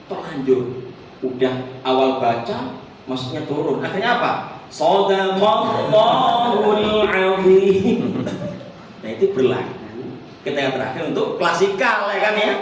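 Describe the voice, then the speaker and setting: A man teaching a Quran recitation workshop, explaining the melody and chanting verses slowly for the group to repeat. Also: fairly high pitch, big pitch swings, slight background noise. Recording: echoey hall, distant mic.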